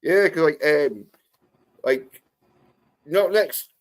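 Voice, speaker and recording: A man's voice: fairly high pitch, lively intonation, extremely slow. A man in casual chat, rambling and swearing with heavy emphasis.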